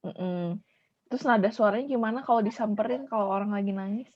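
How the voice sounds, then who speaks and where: A woman's voice: mid-range voice, a little fast. A woman school counselor leading a class discussion, encouraging pupils and repeating their answers back. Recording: dull lo-fi audio.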